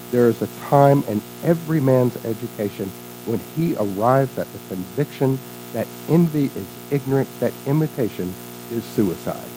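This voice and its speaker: A minister preaching a sermon in a mellow, relaxed voice. The delivery is lively and animated, moving between storytelling and reflection. A faint hum sits behind it. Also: medium pitch, poor audio. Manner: expressive storytelling, then reflective teaching.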